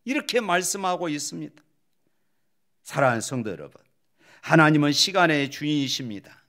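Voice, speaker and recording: A middle-aged male senior pastor preaching a Sunday sermon in a church, moving from quiet scripture reading to rising, emphatic exhortation. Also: on the high side, big pitch swings, moderate pace. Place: church sanctuary.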